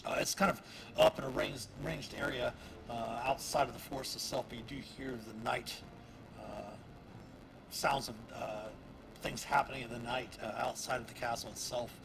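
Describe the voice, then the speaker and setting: A man narrating as dungeon master of a tabletop game, halting with many fillers. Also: medium pitch, fairly even intonation, gravelly. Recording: noisy stream audio.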